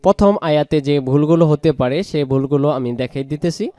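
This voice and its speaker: A man with a Bangladeshi Bengali accent teaches recitation word by word, stretching each sound out slowly. His voice sits a bit high and sounds mellow and smooth. The recording is close and dry. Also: no room sound. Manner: explains, then chants words slowly and drawn out. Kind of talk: slow word-by-word pronunciation lesson.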